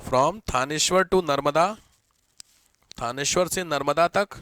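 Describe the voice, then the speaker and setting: A male teacher giving an exam-prep history lesson, dictating notes slowly, spelling words out letter by letter and repeating every term. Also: fairly high pitch, a bit bright, clean tone, no echo.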